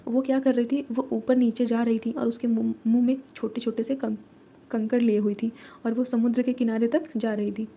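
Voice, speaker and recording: A woman's voice: a little high, little pitch movement, dark tone, a little hiss or hum. A woman with an Indian accent who teaches a lesson, mixing Hindi and English, repeating herself and asking rhetorical questions. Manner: explains slowly and repeats, asks rhetorical questions. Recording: dull lo-fi recording.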